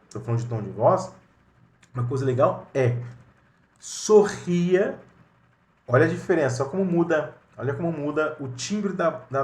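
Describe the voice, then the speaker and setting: A man's voice: mid-range voice, roomy sound. A man with a Brazilian Portuguese accent giving a recorded lesson on phone customer service, talking conversationally with many fillers and acting out short phone greetings. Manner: demonstrates with brief role-played phone greetings. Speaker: teacher.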